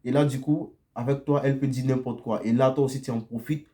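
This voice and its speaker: A young man speaks in a dark, mellow voice at an average pitch. He gives dating advice in a casual, blunt monologue, repeating his key phrases and often checking in with a quick "ok?". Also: fairly even intonation. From Côte d'Ivoire. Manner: frequent tag "ok?" and repetitions, direct and blunt.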